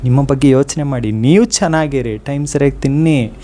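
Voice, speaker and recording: A man giving an earnest devotional motivational talk. He speaks directly to his listeners and repeats his points. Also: medium pitch. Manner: slows to a soft chant for prayers.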